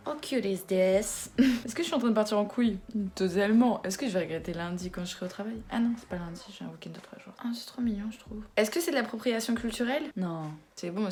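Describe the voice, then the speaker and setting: A woman's voice: lowish voice, a little mellow. A woman in her twenties talking frankly in a casual vlog. She swears now and then and uses many fillers, recorded on a phone camera. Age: 20s. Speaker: vlogger. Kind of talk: casual confessional vlog chat.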